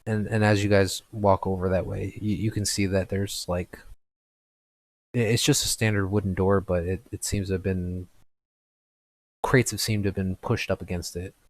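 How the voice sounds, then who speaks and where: A man narrating a tabletop game as game master, in a halting way with many fillers. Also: sits low, little pitch movement, no room sound.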